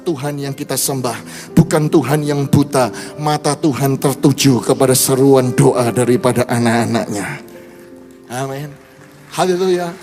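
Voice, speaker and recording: A man's voice: on the high side, a little mellow. A man preaching a sermon, telling a testimony fervently and calling out to the congregation again and again. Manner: fervent, repeatedly addressing the congregation.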